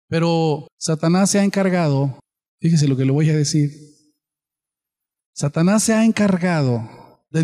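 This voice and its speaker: A man's voice: fairly high pitch, mellow, long reverb tail. A man preaching a sermon as pastor, often asking his congregation questions and acting out the people in his stories.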